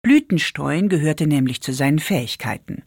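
A woman reads a children's story aloud in a low voice that rises and falls a great deal. Her narration is lively and expressive. The recording is dry and close, with no room sound. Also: moderate pace, breathy edge, no room sound.

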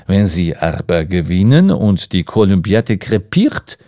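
A man reading an audiobook, voicing an excitable, teasing Frenchman in a raised, animated voice. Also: sits low, unhurried, pitched below the performer's own voice. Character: excitable mocking Frenchman, grown man, theatrical.

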